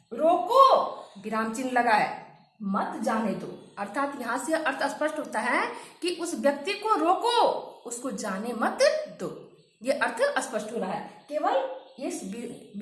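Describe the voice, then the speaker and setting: A high-voiced woman teaches a grammar lesson with a lively, swooping delivery. She slows right down to stretch out each example sentence. The room around her is noticeably echoey.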